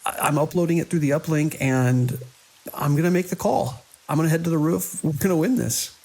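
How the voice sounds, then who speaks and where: A man with a fairly high, creaky voice of darkish tone plays an idealistic, beleaguered hospital director in a horror audio drama. He speaks earnestly and urgently in halting phrases, full of desperate hope.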